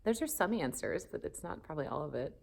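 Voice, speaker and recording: A woman in her forties from the Southern United States, a pastor speaking candidly in an interview, thoughtful and animated with many fillers. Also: low-pitched, quick pace, vocal fry, a little hiss or hum. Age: 40s. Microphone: phone camera.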